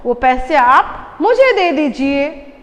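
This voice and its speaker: A woman teacher voicing a fat male beggar from a children's storybook, pleading in a drawn-out sing-song. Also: sits high, very animated, in a large hall, heavily acted. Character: whining fat male beggar begging loudly.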